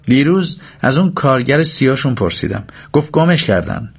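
A man voicing a jeering, teasing grown son on a farm, with a husky, gravelly voice. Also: medium pitch, expressive, pitched above the performer's own voice. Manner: teasing, grinning. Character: jeering adult farm son, loud and mocking.

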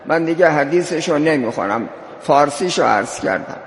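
A man's voice: a little high, expressive, slight background noise. A male cleric preaching emphatically at a ceremony, in a hall with long reverb. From South Khorasan, Iran. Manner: emphatic, rising to fervent preaching. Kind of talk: religious talk at a ceremony.

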